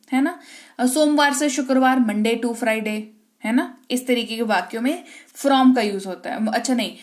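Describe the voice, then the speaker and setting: A woman teaching English vocabulary in an online lesson. She explains patiently, slowly dictates example sentences and keeps checking in with her students. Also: sits high. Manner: asks the class quick check-in questions.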